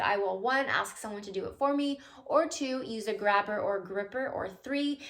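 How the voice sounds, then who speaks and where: A woman's voice: on the high side, a bit bright. A woman vlogging casually at home, answering viewer questions in a chatty, playful way with loose tangents and asides. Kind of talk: casual chat.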